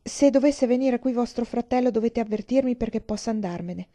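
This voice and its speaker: A woman's voice: fairly high pitch, a little fast, dark tone, voice pushed up, lightly acted. A woman reading an audiobook voices a distressed, earnest young woman who speaks in a pleading, agitated way.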